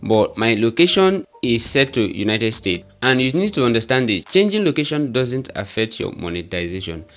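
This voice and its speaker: A YouTube growth tutor with a Nigerian accent speaks to camera in a mid-range, sing-song voice at a moderate pace with few pauses. He explains steps in an earnest, repetitive, step-by-step tutorial manner.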